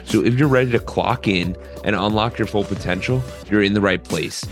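A man hosting a podcast, reading an energetic intro and then asking casual interview questions. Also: fairly low pitch, normal speed, faint music behind. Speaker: podcast host.

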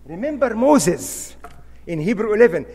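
A man's voice: sits high, very animated, normal speed, creaky, mellow, husky, big-room sound. A middle-aged man from Egypt, preaching a sermon in an impassioned, emphatic way and repeating key phrases.

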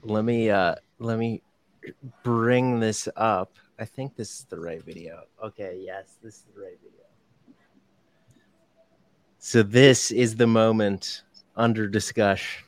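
A man hosting a casual podcast, steering the talk in a relaxed way. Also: fairly low pitch, a little slow, long pauses, no room sound. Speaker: podcast host.

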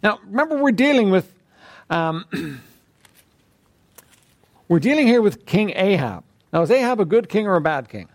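A man preaching a conversational Bible-teaching sermon, clearing his throat often. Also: high-pitched, very animated, moderate pace, long pauses.

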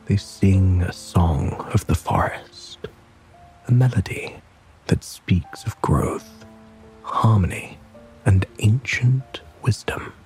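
A man narrating a soothing sleep story and guided relaxation in a calm, gentle, soft breathy voice. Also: low-pitched, takes it slowly, faint music behind, poor audio.

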